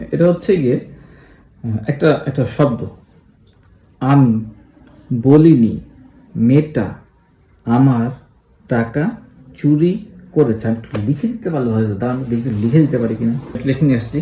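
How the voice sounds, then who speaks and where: A man talks through a religious lesson in a relaxed, mellow voice, filming himself in a roomy space that rings back. He pauses often to think and slips English words into his sentences, building his point through everyday examples. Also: mid-range voice. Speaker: Islamic explainer. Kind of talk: casual explanatory lesson. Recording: echoey room.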